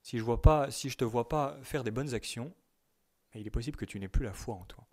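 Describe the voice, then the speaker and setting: Here a man with a medium-pitched, warm voice teaches young people about faith at a youth retreat. His delivery is measured, landing hard on important words, and now and then he reads out quotations.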